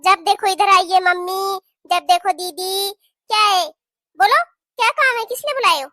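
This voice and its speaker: A sharp-tongued young sister-in-law who complains and argues indignantly, as a woman voices her for a cartoon. The tone is very high and bright, recorded dry and close. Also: moderate pace, no room sound. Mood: irritated. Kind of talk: cartoon voice acting.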